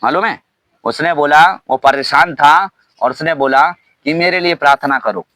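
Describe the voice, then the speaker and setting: A man pastor preaching a sermon, shouting hallelujah often and asking the congregation questions. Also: on the high side, moderate pace, dry recording, low-quality recording. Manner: preaching with frequent hallelujahs and call-and-response questions.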